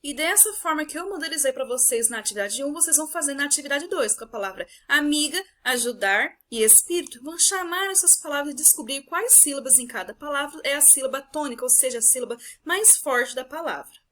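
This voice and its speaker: A Brazilian woman teacher with a Brazilian Portuguese accent, explaining a lesson to her pupils and drawing out words slowly to show their stressed syllables. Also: sits high, expressive, pushed and bright. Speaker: primary school teacher. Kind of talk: recorded remote class explanation.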